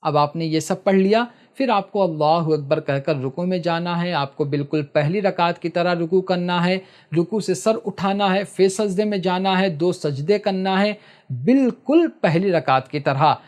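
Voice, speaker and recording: A man's voice: sits high, darkish tone. A man teaching prayer step by step, patiently and repeatedly telling listeners to listen carefully. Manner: switches to slow chanted recitation for prayer texts. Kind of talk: step-by-step spoken instruction.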